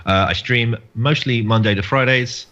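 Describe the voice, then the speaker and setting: A man's voice: medium pitch, normal speed, pushed and bright. A man guest plugging his streaming schedule in casual chat, with dry, self-deprecating humor. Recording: dull lo-fi mic.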